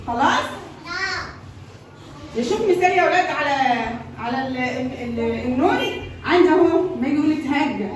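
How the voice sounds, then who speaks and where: A woman's voice: high voice, animated, moderate pace, long pauses. A woman with an Egyptian accent teaching a children's Quran recitation lesson, who asks the class question after question, answers them herself and stretches out her examples in a sing-song way. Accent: Egyptian Arabic. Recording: very echoey room, voice from far off, with noise.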